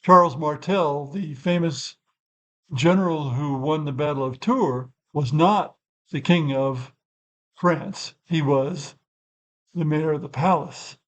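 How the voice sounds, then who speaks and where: Talking slowly in a slightly high voice, an older man on his own channel meanders through an unscripted explanation and corrects himself as he goes. The audio has its highs cut off.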